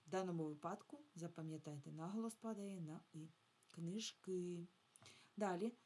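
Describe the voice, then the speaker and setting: A woman's voice: on the low side, quick pace, warm tone. A woman teaching a remote reading lesson to young children, patiently stretching out sounds and syllables. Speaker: primary school teacher.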